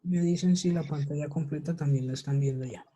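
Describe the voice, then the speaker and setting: A woman's voice: sits low, fairly quick, dark tone, slightly rough. A woman teaching an English class over a video call, patient and checking in with her students often. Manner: patient, checks understanding with repeated questions. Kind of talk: online class lesson.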